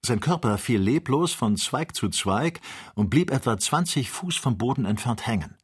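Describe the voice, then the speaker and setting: A man reading an audiobook, narrating with steady, vivid storytelling. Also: medium pitch, moderate pace, breathy edge. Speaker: audiobook reader. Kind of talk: scripted narration.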